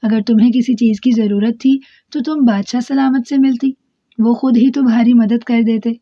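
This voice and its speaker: A woman's voice: a little high, fairly even intonation, no echo, highs cut off. A woman voicing a princess's young lady companion, puzzled and questioning.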